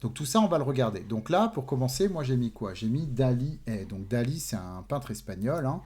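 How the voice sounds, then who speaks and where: A man's voice: medium pitch, sing-song, a little fast, a little mellow. A man hosting a screen-share tech tutorial, explaining step by step, addressing viewers directly with frequent fillers. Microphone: desk mic with webcam.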